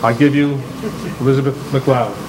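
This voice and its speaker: Acting as host at a live event, a man formally introduces a guest speaker in a mid-range voice with a flat delivery and moderate pace. The room recording is noisy.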